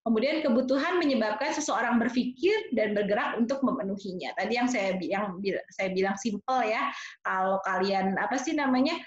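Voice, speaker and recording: A woman from Jakarta giving a casual nursing lecture, expressive and fairly loud, chatting with plenty of fillers. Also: mid-range voice, brisk. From Jakarta, Indonesia. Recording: roomy, slightly dull lo-fi sound.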